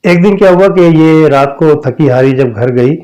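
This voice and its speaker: A man's voice: fairly high pitch, dark tone, poor audio. A man hosting a podcast, telling a horror story in a conversational way and often repeating his phrases.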